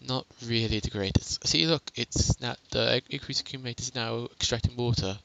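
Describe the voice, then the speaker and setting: Gravelly young man rambling through a tutorial. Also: medium pitch, brisk, a bit bright, low-quality recording. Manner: rambling, self-correcting, chatty. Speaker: game tutorial narrator. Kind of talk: casual gameplay tutorial. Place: home. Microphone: headset.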